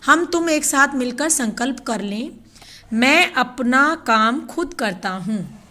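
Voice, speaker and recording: A woman teacher walks children through a grammar lesson. Her voice sits a little high, and she reads each example sentence aloud at an unhurried pace. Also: animated, sharp tone. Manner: addresses children directly.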